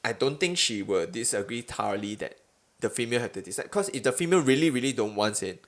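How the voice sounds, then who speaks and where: A man's voice: medium pitch, expressive, fast talker. A young adult man with a Singaporean accent in a casual podcast chat, using colloquial Singlish phrasing. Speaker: podcast host.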